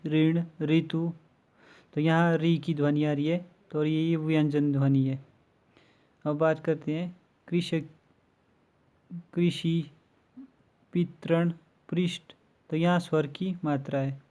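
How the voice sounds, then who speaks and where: Guy teaching grammar for exams, mellow voice, pretty flat delivery, goes through letters one by one. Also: fairly high pitch. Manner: slow, methodical listing with examples. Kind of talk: exam-prep grammar lesson.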